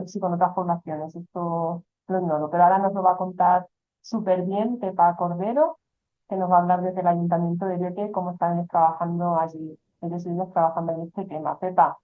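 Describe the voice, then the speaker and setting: Flat-voiced woman moderator on a tinny line. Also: lowish voice, faint music behind. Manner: hesitant, fills pauses with "eh". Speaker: session moderator. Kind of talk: moderating online training.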